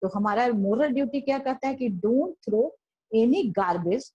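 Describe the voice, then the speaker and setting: Woman teacher, slow and deliberate, mellow tone, repeats points for the class. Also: a little high, expressive, slightly rough, no room sound, muffled recording. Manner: explains slowly, repeats and rephrases; reads English lines slowly, explains them in Hindi. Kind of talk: classroom lesson mixing Hindi and English.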